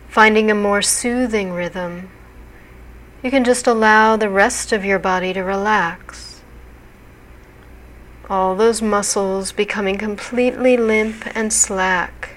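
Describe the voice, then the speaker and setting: A woman narrating a guided hypnosis relaxation in a soothing, deliberate, measured manner. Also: medium pitch, fairly bright tone.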